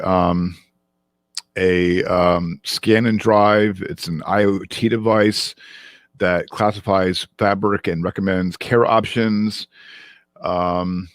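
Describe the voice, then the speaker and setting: Casting: low-pitched male co-host, hesitant tech-news delivery, lots of fillers, dry close sound. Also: dry recording. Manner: halting, many ums and restarts. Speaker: podcast co-host. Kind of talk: casual tech news chat.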